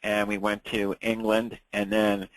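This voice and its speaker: A man's voice: lowish voice, monotone, unhurried, no echo, rough recording. A man in his sixties with a New York accent, teaching a ham radio licensing class in a chatty, storytelling way. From Long Island, New York. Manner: chatty, anecdotal, repeats words when restarting. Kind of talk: casual classroom lecture.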